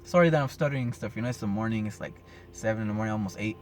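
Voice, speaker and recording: A man's voice: on the low side, racing. A man vlogging as a rideshare driver, rambling and swearing, tacking "and stuff, you know" onto his sentences, caffeinated early in the morning. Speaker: rideshare driver giving advice. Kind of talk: casual unscripted vlog.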